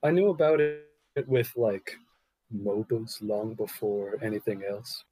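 A young man joins a casual podcast with a warm, mellow voice. He cracks deadpan jokes between remarks. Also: fairly low pitch, measured pace. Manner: joking, deadpan.

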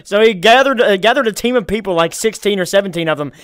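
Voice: mid-range voice, fast, fairly bright tone, clear, resonant tone, no room sound, clean studio sound. A podcast host who wrote the episode's script, talking casually, swearing and laughing with co-hosts. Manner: playfully exasperated, swears, laughs a lot.

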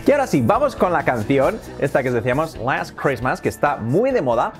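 A man with a Spain Spanish accent gives a casual English lesson. His pitch moves a lot as he talks. He stretches out words slowly to drill each sound. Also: very animated, soft background music. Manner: slow, exaggerated pronunciation drills. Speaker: English teacher.

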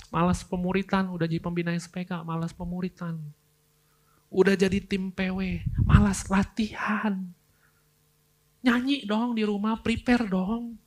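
A young man, preaching a lively youth sermon, swinging between loud outbursts and quiet earnest asides. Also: high voice. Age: young adult. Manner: casual slangy Jakarta-style delivery.

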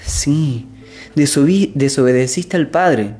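A storyteller voicing a calm, firm eldest brother who speaks earnestly. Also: medium pitch, slow, faint music behind.

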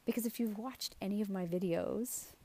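With a warm, slightly rough mid-range voice at a moderate pace, a middle-aged woman hosts a show as a self-esteem coach. Her motivational talk is casual and earnest, delivered out of the side of her mouth and punctuated by emphatic check-in questions.

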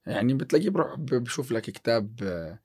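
This man's medium-pitched voice swings widely in pitch, moving fast with a darkish tone and a breathy edge. A chemistry teacher appearing as a podcast guest, he chats casually about success and faith, quoting scripture and restarting often.

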